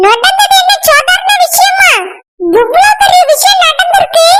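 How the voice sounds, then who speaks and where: A shrieking, furious cartoon auntie. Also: female voice, extremely high pitch, very noisy, pitched above the performer's own voice. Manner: shouting, accusing. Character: loud, furious middle-aged woman.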